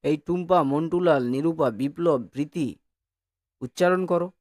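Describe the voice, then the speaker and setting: A man's voice: a little high, steady tone, moderate pace, a little mellow, no room sound, clean studio sound. A male teacher giving a classroom lecture who coaxes his students to answer and demonstrates sounds by repeating them.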